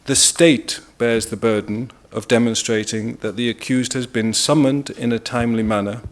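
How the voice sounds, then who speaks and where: British male lawyer, mid-pitched, formal and deliberate briefing delivery. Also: steady tone. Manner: measured and deliberate, stressing key words. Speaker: international lawyer speaking at a press briefing. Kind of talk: formal legal presentation.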